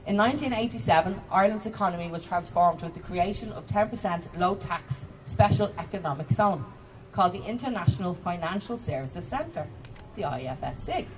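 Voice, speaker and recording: A woman giving a steady, informative talk to a crowd outdoors. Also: on the low side, brisk, noisy background. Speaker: tour speaker. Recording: distant outdoor recording.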